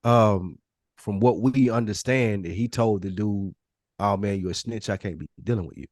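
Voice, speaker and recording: Man, podcast co-host, plain pitch, blunt and emphatic, casual swearing, very dry close sound. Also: moderate pace, darkish tone, no room sound.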